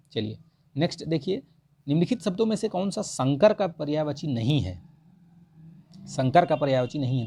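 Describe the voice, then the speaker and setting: A man's voice: medium pitch, vocal fry, mellow, breathy edge. A male teacher explains answers to an exam practice test, repeating the correct forms and saying "ठीक है" between points. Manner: repeats the right forms and says "ठीक है" often. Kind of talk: explaining a Hindi vocabulary test.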